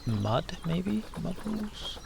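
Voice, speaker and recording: A man's voice: high voice, very animated, extremely slow, creaky, noisy background. A sleepy, yawning man rambling to himself with lots of fillers as he builds in a game. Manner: rambling, self-talking, frequent fillers. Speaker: gaming video creator. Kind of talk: casual commentary while building in a game.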